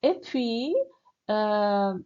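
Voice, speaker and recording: A woman's voice: mid-range voice, animated, very slow, darkish tone. A woman teaching a French grammar lesson, repeating words for learners and checking in with frequent "oui" and "n'est-ce pas". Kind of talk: slow, repetitive grammar lesson. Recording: dull lo-fi audio.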